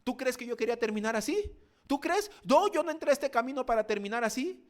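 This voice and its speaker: A man with a Mexican accent voicing a bitter former minister who complains indignantly and quickly. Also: extremely high pitch, expressive, pitched above the performer's own voice. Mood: bitter reproach. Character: bitter fallen minister, middle-aged man.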